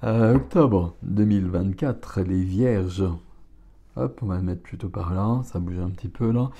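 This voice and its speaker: A middle-aged man doing a casual tarot reading, relaxed and chatty, exclaiming over the cards. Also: sits low, a little slow, creaky. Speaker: tarot reader.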